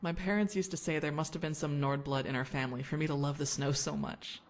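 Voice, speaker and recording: A woman voicing a young mage in a game, calm and reflective as she talks. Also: deep voice, fast, a little hiss or hum. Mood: wistful. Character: young female mage, wistful and earnest. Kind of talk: game voice acting.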